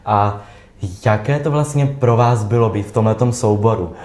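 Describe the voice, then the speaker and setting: Low-voiced interviewer in an echoey room. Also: male voice, darkish tone. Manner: hesitant, fillers. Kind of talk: interview questions. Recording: echoey room with faint background hum.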